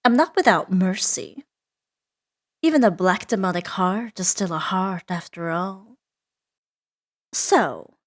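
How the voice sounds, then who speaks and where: Here a woman uses a fairly low, exaggerated voice to portray a female demon in an ASMR roleplay drama. The character is seductive, playful and menacing, with a teasing, imperious manner and lapses into breathy whispering.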